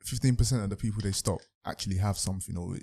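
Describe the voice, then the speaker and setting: A man's voice: fairly low pitch, racing, vocal fry, dark tone. A man, a podcast guest talking in a casual, laid-back, drawling way. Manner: laid-back, drawling, repeats words while storytelling. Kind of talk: casual chat.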